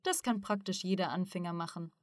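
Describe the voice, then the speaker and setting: A woman reading the part of a calm, learned male teacher who explains things patiently in an audiobook. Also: on the low side, a little fast, no room sound, clean studio sound, natural voice. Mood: explaining.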